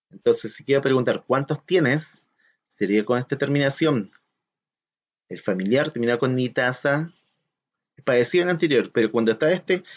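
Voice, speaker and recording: A man gives a recorded school lesson at a middle pitch, patient and methodical. He counts aloud and poses questions to his students as he explains each step. The recording has a dull, lo-fi quality. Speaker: teacher. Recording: dull lo-fi sound.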